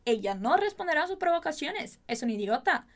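High-voiced woman teaching Spanish. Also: sing-song. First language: Portuguese. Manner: slow, exaggerated drill phrasing, chatty asides. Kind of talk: language lesson with drills.

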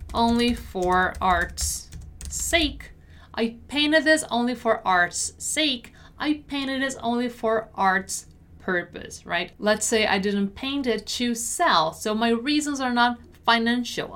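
Woman English teacher, slightly high pitch, patient drills of phrases. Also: fairly bright tone, clean tone. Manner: patient, repeats model sentences slowly and checks with "right?". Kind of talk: language lesson explaining phrases.

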